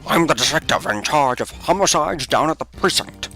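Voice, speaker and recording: Dick Gumshoe, a man doing a gravelly, eager cop. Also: a little high, lively intonation, moderate pace, soft background music. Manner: loud, eager, says "sir" often. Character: eager, blustering male police detective. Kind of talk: fan voice-over of a video game.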